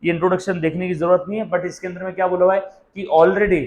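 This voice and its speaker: A slightly high-voiced man lecturing a classroom of commerce students, throwing questions at them and supplying the answers himself. He drifts between Hindi and English, calls the students "beta" and "munna", and slows right down to dictate definitions. His voice carries the boom of an echoey classroom. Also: level tone, darkish tone, muffled recording. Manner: mixes Hindi with English phrases; dictates slowly word by word. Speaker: commerce teacher.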